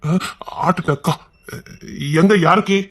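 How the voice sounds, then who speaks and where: A man playing a father in a family comedy skit, talking in an exasperated way and calling out loudly. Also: sits high, steady tone, measured pace. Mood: puzzled.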